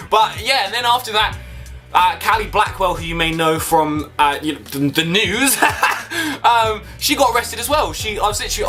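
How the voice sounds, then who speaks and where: A man's voice: sits high, sharp tone. A young man chatting casually to camera, telling a rambling, sweary story. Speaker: vlogger.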